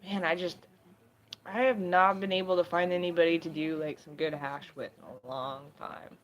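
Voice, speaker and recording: A woman's voice: on the low side, steady tone, moderate pace. A woman vlogging in casual chat, with a laid-back, slangy, sweary stoner way of talking.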